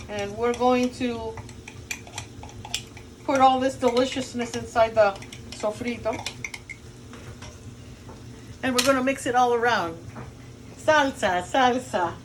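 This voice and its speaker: A woman's voice: on the high side, steady tone, slow, long pauses, background noise. Chatty woman with a Cuban accent. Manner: chatty, explains each step to viewers and jokes with the cameraman. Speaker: home cook demonstrating a recipe. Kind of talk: casual cooking demonstration. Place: home kitchen.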